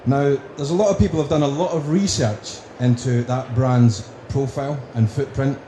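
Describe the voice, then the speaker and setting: Man, broad Scottish accent, mellow dark tone, conference presenter, deliberate emphatic phrasing, echoey room. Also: medium pitch, fairly even intonation. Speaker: conference speaker, company director. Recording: roomy, echoing venue with faint noise.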